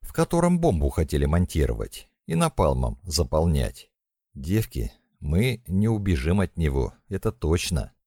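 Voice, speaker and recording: A man's voice: low voice, very animated, normal speed, mellow, slightly rough, dry recording, studio quality, heavily acted. A man reading an audiobook voices a decisive young woman who commands a squad of girls. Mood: urgent. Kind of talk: audiobook character voice.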